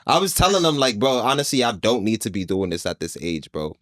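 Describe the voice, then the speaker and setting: A man's voice: on the low side, very animated, fairly quick, fairly bright tone, dry recording, clean studio sound. Slangy New York man telling a story. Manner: rambling storyteller, slangy, laid-back. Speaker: podcast co-host. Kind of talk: casual chat.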